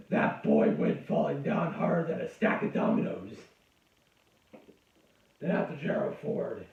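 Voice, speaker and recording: A man's voice: medium pitch, vocal fry. A man giving a crude, rambling comic history lecture, cursing and interrupting himself. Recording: echoey, distant, dull lo-fi room sound.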